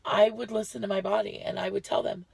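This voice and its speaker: A woman talks to her viewers in a loose, chatty way, circling back and correcting herself as she goes. Her voice is heavily gravelly and husky, with a slight shortness of breath. The sound is close and dry. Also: medium pitch, flat delivery, quick pace, a little mellow, no echo. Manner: chatty, rambling, self-correcting. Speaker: lifestyle vlogger. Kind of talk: casual health update to viewers.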